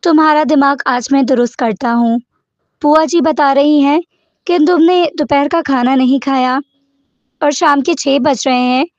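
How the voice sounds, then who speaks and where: A woman's voice: high-pitched, dry recording, lightly acted. A woman reading the lines of a stern, protective young man who scolds, in a dull lo-fi recording.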